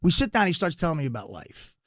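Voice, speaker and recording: A man, a comedian, telling stories on a podcast, excitable, his voice jumping up and getting loud at the punchlines. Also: on the high side, fast talker, dry recording, studio quality. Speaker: comedian guest. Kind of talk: podcast storytelling.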